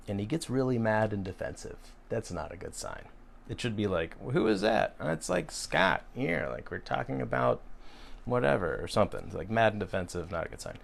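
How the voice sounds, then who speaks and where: Man, late 30s, low-pitched and gravelly, frank rambling host reading and answering viewer questions. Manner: rambling, frank, with frequent fillers and restarts. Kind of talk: casual live Q&A.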